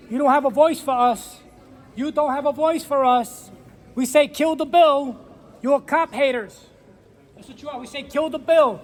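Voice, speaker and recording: High-pitched shouting heckler in his 50s. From New York. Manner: shouting, repeating taunts, switching into Spanish. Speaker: street protester. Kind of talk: heckling at a rally. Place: outdoors by a city building. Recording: crowd and street noise. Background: crowd, traffic.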